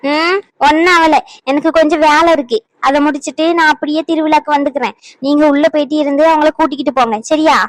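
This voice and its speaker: A woman voicing an elder sister-in-law in a cartoon, calm and matter-of-fact. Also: high-pitched, fast talker, no echo, natural voice. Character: older sister-in-law, practical and brisk.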